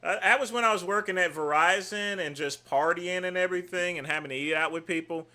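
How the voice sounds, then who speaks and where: A man from North Carolina hosts a casual livestream in a loose, rambling way. His voice is bright and a touch high for a man. He drops self-mocking asides between thoughts. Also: a little fast. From North Carolina, USA. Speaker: livestream host.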